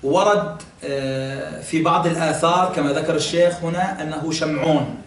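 A man teaching a classroom religious lesson, explaining patiently, quizzing listeners and pausing on fillers. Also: a little high, fairly even intonation. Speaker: sheikh teaching Quran exegesis. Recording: echoey room, mic at a distance, faint ambience.

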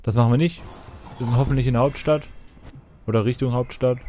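A man narrating a game tutorial in an easygoing, rambling way, clearly impatient to get on with it. His voice is mellow and unforced, sitting mid-range. Faint game music plays underneath. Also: medium pitch, steady tone, fast talker. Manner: impatient, chatty, rambling asides. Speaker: let's play tutorial host. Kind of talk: casual gameplay commentary.

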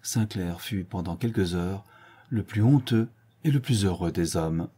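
Male audiobook reader, measured storytelling, low pitch, dark husky voice. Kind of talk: scripted literary narration.

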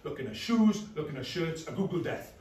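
A man's voice: on the high side, animated, slow pace, darkish tone, pitched above the performer's own voice. Man acting a raised-voice, anguished, panicking young man, echoey. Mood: mounting dread. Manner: gasping short bursts, raw and intense. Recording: echoey room, far from mic, faint noise.

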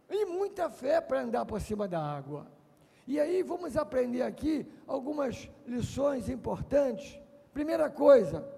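A male pastor preaches with fervent emphasis in a very high, gravelly voice. He shouts his key points and keeps calling on the congregation to respond. A long reverb from the large congress hall follows his words. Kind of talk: sermon.

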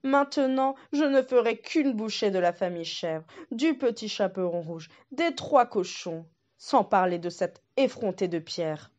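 A woman's voice: medium pitch, expressive, a little slow, darkish tone, highs cut off, close to an everyday voice. A woman voicing a hungry but sentimental male wolf who muses and grumbles to himself. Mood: musing.

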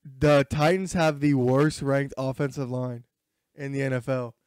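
A man's voice: medium pitch, steady tone, measured pace, darkish tone, clean tone, dry recording, studio quality. A man co-hosting a podcast, talking sports in an emphatic, opinionated way, his voice cracking at times. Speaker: podcast co-host. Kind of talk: casual sports chat.

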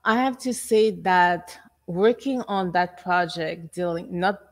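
A middle-aged woman from Haiti, an exhibition curator, speaking in a measured, reflective way on a panel in a gallery. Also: fairly low pitch. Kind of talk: panel discussion. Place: art gallery room, indoors.

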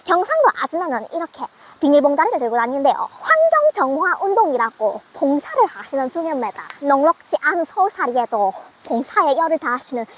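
A woman's voice: sits high, big pitch swings, brisk. A young woman vlogging on a mountain trail outdoors, narrating in a playful mock-TV announcer style. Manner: teasing, announcer-like delivery.

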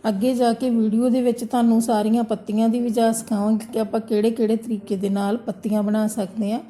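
Very dark-voiced woman teaching embroidery. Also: on the high side, flat delivery, fast talker, slight background noise. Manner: gentle, repetitive instructional tone. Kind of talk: step-by-step craft tutorial narration.

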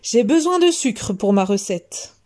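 A good-natured, clumsy wolf from a children's storybook, as a woman reader puts him on. He speaks slowly in a raised, mellow voice, earnest and a touch flustered. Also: on the high side, big pitch swings. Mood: pleased.

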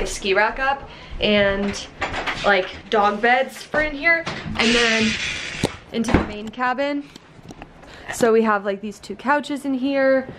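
A woman's voice: medium pitch, slight background noise. A woman in her twenties chatting casually to a handheld camera at arm's length, upbeat and full of "like". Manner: chatty, upbeat, filler-heavy "like". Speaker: vlogger. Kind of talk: casual vlog chat. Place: small wooden cabin indoors, then forest trail outdoors.

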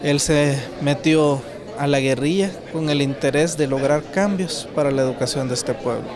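A man in his thirties speaks earnestly in a slightly high voice, stacking his points with repetition. A crowd murmurs in the indoor hall behind him. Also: moderate pace. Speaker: interviewee.

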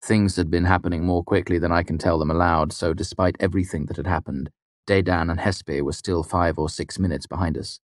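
A man narrating a fantasy novel in the first person, with a measured storytelling delivery. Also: deep voice, steady tone, no room sound, studio quality. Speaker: audiobook narrator.

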